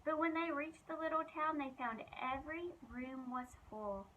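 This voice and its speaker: A high-voiced, bright-toned woman reads to children from a storybook at normal speed, stressing important phrases dramatically in the style of a children's ministry reader. The sound is lo-fi, with a little background noise.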